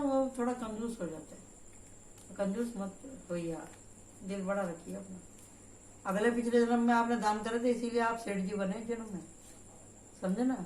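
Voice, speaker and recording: An older woman giving a spiritual tarot reading in a loud, emphatic, preachy way, mixing in storytelling. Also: medium pitch, far from the mic, slight background noise. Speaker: tarot reader. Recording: roomy echoey room.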